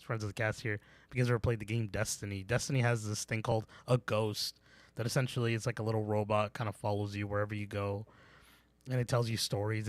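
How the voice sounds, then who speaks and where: A man's voice: on the low side, no echo. A man co-hosting a casual movie podcast, joking around, laughing often and restarting his sentences. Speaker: podcast co-host. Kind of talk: casual chat.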